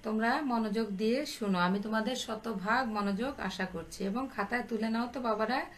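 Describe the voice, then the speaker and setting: A woman teacher with a fairly high voice dictates answers to a primary class, slowly and patiently, repeating each point. A faint hiss of background noise sits under her voice. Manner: slow, repetitive dictation, addresses pupils affectionately.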